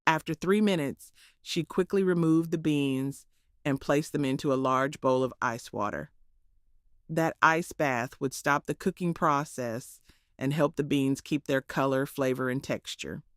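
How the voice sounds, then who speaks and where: A woman's voice: deep voice, dry recording, studio quality. A woman with a Southern US accent narrating in a homespun, preachy storytelling manner, as if passing on cooking wisdom from a script. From southern United States.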